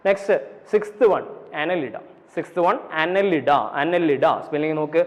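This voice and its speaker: A male teacher with a Malayali accent lecturing a class, repeating points, asking and answering his own questions, spelling terms letter by letter and slowing down for definitions. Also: on the high side. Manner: slows down for dictated definitions. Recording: dull audio with long reverb.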